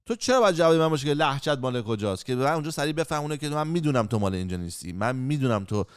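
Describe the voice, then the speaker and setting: A man's voice: mid-range voice, animated, clear, resonant tone, dry recording, studio quality. A middle-aged man hosting a chat podcast, bluntly acting out whole conversations and swearing freely. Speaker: podcast host. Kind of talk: casual chat.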